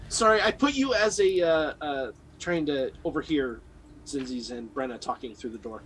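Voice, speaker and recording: A man's voice: on the high side, very animated, unhurried, fairly bright tone, a little hiss or hum, low-quality recording. A man playing a tabletop game, chatting casually and calling out in character. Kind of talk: casual game talk with animated in-character calls.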